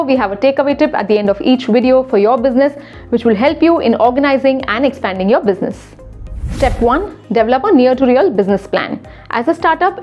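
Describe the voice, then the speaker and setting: A young female retail consultant speaks to camera from a studio, running through a scripted explainer. Her high-sitting voice is mellow, and the audio is dull. Her delivery is brisk and instructive, emphatic, backed by hand gestures.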